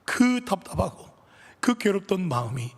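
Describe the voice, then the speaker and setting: A male pastor with a husky voice, preaching a sermon as animated storytelling in a church. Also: sits high, normal speed, big-room sound. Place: church sanctuary.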